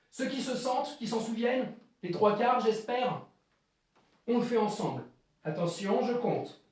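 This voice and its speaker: A man teaching an online karate class, calling counts and kiai shouts between slow explanations. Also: sits high. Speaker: karate instructor. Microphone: camera at a distance. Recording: echoey room, voice far from the mic.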